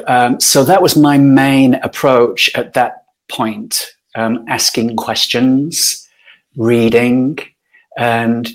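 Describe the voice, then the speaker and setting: Guesting on a podcast, this middle-aged man from northern England's Yorkshire shares personal stories reflectively, in a medium-pitched voice. His pace is unhurried and considered, broken by frequent pauses and ums.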